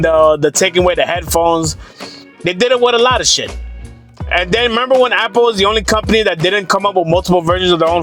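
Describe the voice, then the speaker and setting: A young gaming commentator with a high, pushed, bright voice rants casually to camera about gaming prices. He's profane, rambling and sarcastic.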